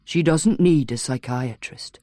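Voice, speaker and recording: A woman voicing a steady man who talks softly and slowly, coaxing, in an audiobook. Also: low-pitched, no echo, clean studio sound. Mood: calm. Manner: soft, slow, coaxing. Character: calm steady man guiding a hypnotized patient.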